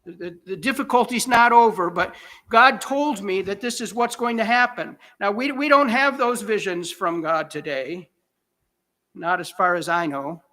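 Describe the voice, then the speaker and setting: Male pastor, high and bright-toned, folksy sermon delivery, restarts mid-sentence. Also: normal speed. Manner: conversational preaching with chuckles and self-corrections.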